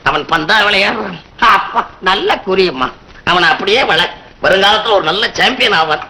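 An actor playing a boastful, fast-talking priest astrologer with a Tamil Brahmin accent in a film comedy scene. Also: male voice, high-pitched, expressive, sharp tone, heavily acted, rough recording. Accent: Tamil Brahmin dialect. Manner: boastful, rambling, sing-song.

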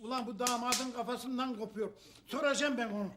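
A man's voice: extremely high pitch, steady tone, a little fast, pushed and bright. A man playing a blustering, furious rich boss who rants and curses in a TV comedy. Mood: outraged. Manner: ranting, cursing, repeating himself. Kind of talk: Turkish TV comedy acting.

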